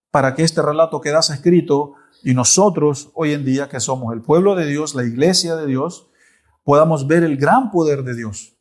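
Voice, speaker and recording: A man preaching a Bible study, telling the story with lively asides. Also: a little high. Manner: animated storytelling with repeated asides.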